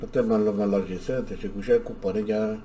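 Guy talking casual and kinda halting, low mellow voice, repeats himself. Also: fairly even intonation, a little hiss or hum. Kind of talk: casual conversation.

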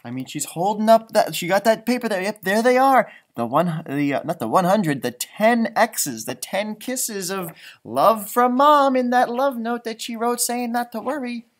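A man in his thirties, a teacher hosting storytime indoors in a school library, reads aloud to children with lots of expression. His voice is high-pitched and animated at a normal pace, and he drops in chatty asides and musing exclamations.

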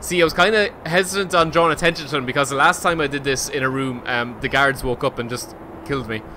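A man's voice: medium pitch, fairly even intonation, quick pace, pushed and bright, slight background noise. A man in his thirties with an Irish accent, giving casual, sardonic, sweary live game commentary. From Ireland. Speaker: game streamer. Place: indoor room, streaming setup.

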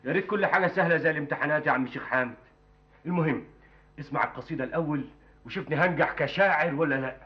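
A man's voice: fairly high pitch, close to an everyday voice. An actor playing an earnest young village man with an Egyptian accent who writes poetry and recites his verse grandly. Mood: eager. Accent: Egyptian Arabic. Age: young adult. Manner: declaims verse slowly and grandly. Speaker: village student and aspiring poet. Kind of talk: TV drama acting. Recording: dull lo-fi TV soundtrack with music.

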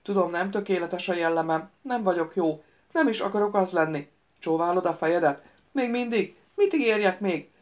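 A woman's voice: fairly low pitch, a little mellow, dull audio, lightly acted. A wheedling ghost wizard, as a woman reads him. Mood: pleading. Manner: wheedling, pleading and bargaining. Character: pleading ghostly male wizard, petulant and scheming.

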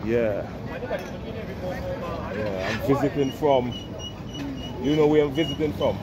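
This travel vlog follows a forties-aged Caribbean man through a bustling outdoor village market as he narrates casually to a selfie camera held out at arm's length. Slow and easygoing, he greets passersby in a friendly, medium-pitched voice, while a loud crowd and street noise sit behind him.

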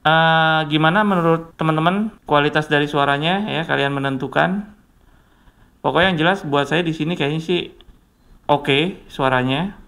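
A man's voice: on the high side, normal speed, vocal fry, a bit bright. A man giving a casual product review, chatty and addressing viewers often. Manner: chatty, says "guys" a lot. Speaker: tech reviewer.

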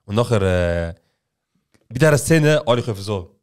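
A man's voice: on the low side, lively intonation. A young man with a Swiss German accent, co-hosting a podcast and telling slangy stories, acting out the quotes. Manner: rapid slangy storytelling, acts out quotes. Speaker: podcast co-host. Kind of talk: casual chat.

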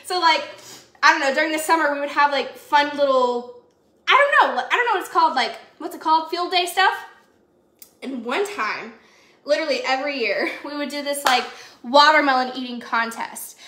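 A young woman hosts a livestream grocery haul from her home kitchen, chatting to viewers in a rambling, giggly way. Her high voice is bright and forceful at a moderate pace. She's recorded on a phone camera held at arm's length, and the kitchen is echoey with faint noise.

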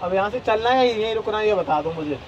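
A man's voice: high voice, lively intonation, quick pace, muffled recording, background noise. Defensive young man, pleading to be heard. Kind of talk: staged couple argument. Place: outdoors on a boat.

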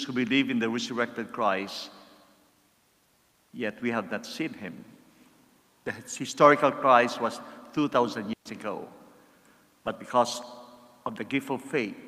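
Middle-aged man, priest, homily at a lectern, slow deliberate delivery, long church reverb on the lectern mic. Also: mid-range voice, a bit bright. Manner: slow, measured preaching with rising emphasis.

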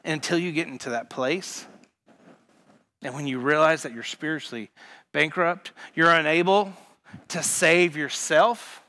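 Bright, high-voiced preaching man. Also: unhurried. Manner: emphatic, repetitive preaching with sudden loud punches. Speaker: pastor. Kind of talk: sermon. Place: church sanctuary.

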